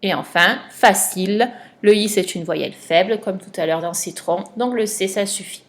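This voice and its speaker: A woman primary school teacher giving a recorded spelling lesson to a child at home, slow and patient, stretching out each word for dictation. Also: mid-range voice.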